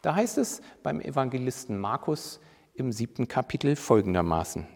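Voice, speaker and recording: A man giving a measured, deliberate sermon and reading scripture with emphasis. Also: mid-range voice, big pitch swings, gravelly, darkish tone, big-room sound. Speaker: preacher.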